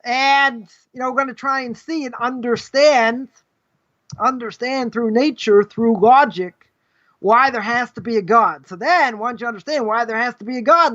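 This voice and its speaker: A man's voice: extremely high pitch, moderate pace, fairly bright tone. A middle-aged man, a rabbi, giving a live, rambling lesson, firing rhetorical questions and tagging his points with "right?". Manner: rambling, tags nearly every point with "right?". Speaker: rabbi teaching ethics. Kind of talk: live conversational Torah lesson. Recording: dull lo-fi livestream audio.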